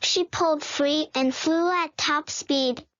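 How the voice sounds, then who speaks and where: A woman narrating a children's storybook in the first person, reading out even the sound words plainly. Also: high-pitched, takes it slowly, highs cut off.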